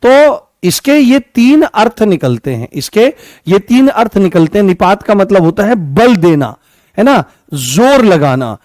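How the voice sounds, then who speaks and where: A man's voice: high voice, sing-song, a little slow, darkish tone, no room sound, clean studio sound. A man teaching an online grammar class, repeating key words and asking and answering his own questions.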